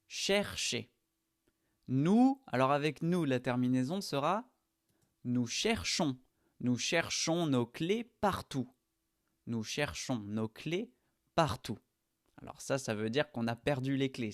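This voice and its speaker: Male language teacher, unhurried and precise, recorded dry and close. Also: medium pitch, dry recording. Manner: slow, carefully articulated model sentences. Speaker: French teacher. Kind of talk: pronunciation lesson.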